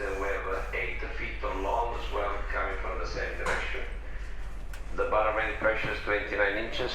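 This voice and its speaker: Male ship's captain, formal intercom announcement, sharp bright voice, echoey loudspeaker over faint ship ambience. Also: fairly low pitch, slight background noise. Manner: measured, steady reading of figures with small hesitations. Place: ship's bridge, heard in a cruise ship's public area. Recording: echoey loudspeaker announcement heard through the room.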